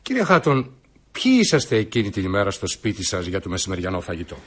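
A formal police inspector leads the questioning in a low, steady voice and cuts off anyone who strays. His commands come short and firm in this old-style radio play. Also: husky, heavily acted. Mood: commanding. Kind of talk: radio drama acting.

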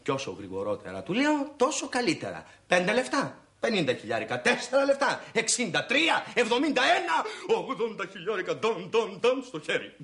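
A boastful, excitable husband. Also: male voice, sits high, hardly any pauses, roomy sound, heavily acted. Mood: bragging. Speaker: husband scheming to get rich.

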